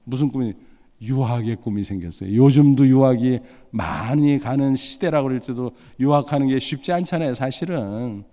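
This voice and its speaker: A middle-aged man preaching a sermon, telling a family story with lively, acted-out lines. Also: medium pitch, normal speed. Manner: animated storytelling, acting out his own lines. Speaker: pastor. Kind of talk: sermon with personal anecdote. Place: church sanctuary. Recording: reverberant hall.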